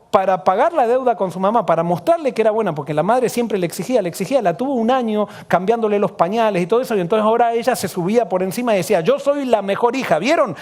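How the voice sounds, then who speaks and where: A pastor with a Rioplatense Spanish accent preaches to his congregation. His voice sits high for a man. He tells a story earnestly and often lets his voice sink to a hush. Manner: earnest, drops to soft hushed tones when quoting. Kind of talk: sermon storytelling.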